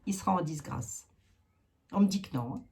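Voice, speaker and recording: A woman's voice: on the low side, lively intonation, normal speed, a little mellow. A woman giving a casual tarot reading to her viewers, thinking aloud with many fillers and asides. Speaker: tarot reader.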